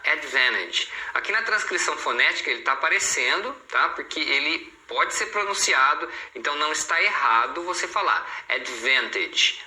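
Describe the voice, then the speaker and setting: A man's voice: fairly high pitch, bright, forceful tone, echoey room, low-quality recording. A Brazilian man, a native Portuguese speaker, teaching English pronunciation in a recorded online lesson, patient and reassuring, repeating each example word twice.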